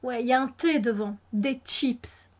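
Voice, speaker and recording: A woman's voice: a little high, unhurried. A woman from Belgium with a Belgian French accent, chatting casually to her viewers, full of fillers and restarts. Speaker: YouTuber. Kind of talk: casual chat to camera.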